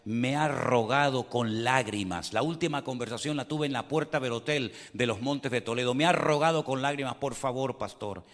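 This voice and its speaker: Older canarian pastor preaching hard, bright ringing voice, long church echo. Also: male voice, medium pitch, moderate pace, few pauses. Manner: impassioned preaching, swinging from loud to hushed prayer. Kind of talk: sermon.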